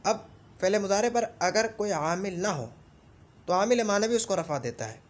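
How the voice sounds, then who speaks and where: A man teaching Arabic grammar in a classroom lesson, reciting lists of rules slowly and repeating them, and checking in often as he explains. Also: high-pitched, animated. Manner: explains patiently with frequent check-ins.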